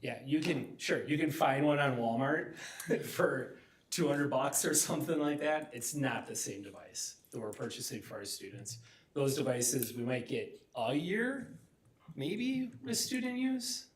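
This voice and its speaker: A man's voice: mid-range voice, expressive, a little slow. A man presenting at a school board meeting, explaining details casually with fillers. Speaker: district technology staff presenting. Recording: echoey room, mic at a distance.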